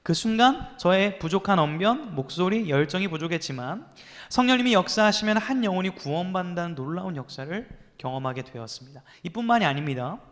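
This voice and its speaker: Pastor, man, 30s, high voice, youth sermon, storytelling style, long hall reverb. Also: lively intonation, a little fast, fairly bright tone. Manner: storytelling with acted quotes and rhetorical questions to listeners.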